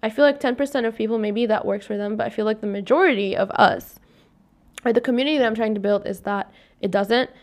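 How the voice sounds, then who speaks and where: A young woman hosts a laid-back solo podcast, her slightly scratchy voice growing deeper the longer she talks. She rambles, corrects herself as she goes, and signs off on an upbeat note.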